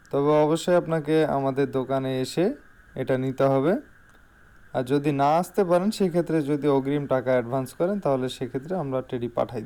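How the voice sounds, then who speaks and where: A man's voice: medium pitch, dark tone. A man with a Bangladeshi accent giving an informal salesman's product showcase in voice-over, repeating key phrases for emphasis. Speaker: shop salesman.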